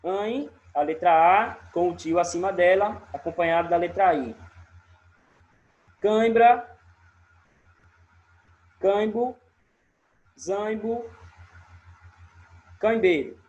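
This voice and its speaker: A man with a Sergipe Brazilian accent teaching a recorded remote lesson, explaining step by step and often checking in with a quick question. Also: sits high, darkish tone, muffled recording.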